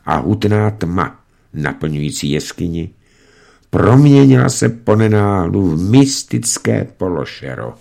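A male narrator reads a story in a mock-solemn, ironic tone. His voice sits a little low and moves in a lively melody. He moves easily between narration and the characters' speech. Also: vocal fry. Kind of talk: audiobook reading.

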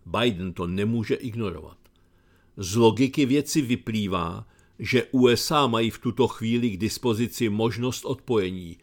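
A middle-aged man with a Czech accent, reading his commentary aloud in a dry, sardonic tone. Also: lowish voice.

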